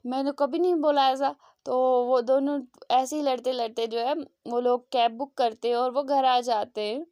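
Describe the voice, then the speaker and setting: A woman's voice: on the high side, fairly even intonation, normal speed, darkish tone, no echo, studio quality. A woman casually retelling a fanfiction story, chatty and full of fillers.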